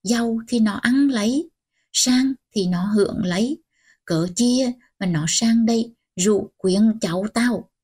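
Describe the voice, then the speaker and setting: Old grandmother, stern, scolding, husky, slow, voiced by a woman. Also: a little high. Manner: scolding, sharp and commanding.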